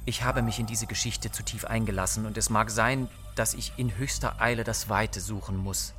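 A man's voice: lowish voice, fairly even intonation, moderate pace, a bit bright, soft background music, close to an everyday voice. Man reading as a grim, scheming secret-society man. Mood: earnest, urgent.

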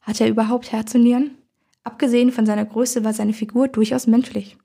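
Husky woman reading a story aloud. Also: on the high side, little pitch movement, fairly quick, dark tone. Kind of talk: first-person audiobook narration.

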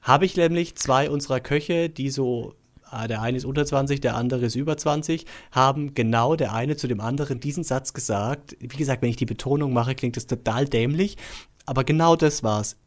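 A man in his forties co-hosting a casual podcast chat, explaining things slowly with amusement and laughing often. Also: medium pitch. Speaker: podcast co-host.

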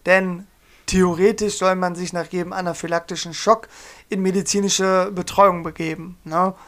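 A young man co-hosting a podcast, telling a story in a lively, joking way and acting out quotes. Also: high-pitched, moderate pace. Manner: animated storyteller, acts out quotes, laughs often. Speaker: podcast co-host. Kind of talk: casual storytelling chat.

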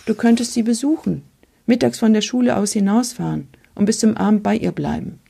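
A woman voicing a calm older country doctor. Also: mid-range voice, fairly quick, creaky, husky. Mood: reassuring. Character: kindly older male family doctor, calm.

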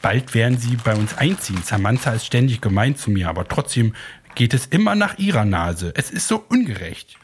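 A man's voice: medium pitch, very animated, fairly quick, a little hiss or hum, lightly acted. A man voicing Jessica, a sad and upset young girl, in a read-aloud children's story, with a whiny, complaining tone.

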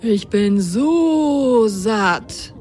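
A woman's voice: on the high side, expressive, drawn-out words, a little mellow, soft background music, voice pushed up. A woman voicing a hungry male sock who talks and hums with his mouth full in a storybook. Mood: groaning full. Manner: munching, humming with food in mouth.

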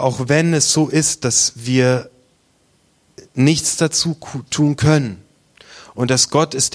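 A man preaching, telling his own faith story earnestly and intimately, at times dropping to a near whisper. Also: mid-range voice. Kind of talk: testimony sermon.

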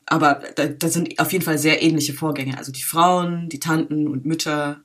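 Lively young woman, laughing guest. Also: sits low, moderate pace. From Berlin, Germany. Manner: lively, laughs often, many fillers. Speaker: guest, filmmaker. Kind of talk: casual interview conversation.

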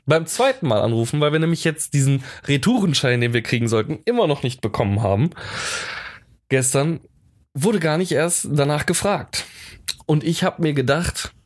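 A man co-hosts a relaxed podcast, his voice sitting a little high for a man. He jokes and rambles in loose conversation, his pitch bouncing around a lot as he goes. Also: normal speed. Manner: jokey, slips into put-on voices and dialects. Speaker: podcast co-host. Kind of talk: casual chat.

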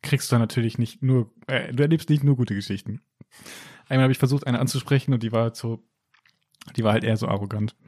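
A young man chatting casually as podcast co-host, acting out quotes with big pitch jumps. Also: fast, a little mellow, dry recording, studio quality. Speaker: podcast co-host telling a story. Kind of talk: casual chat.

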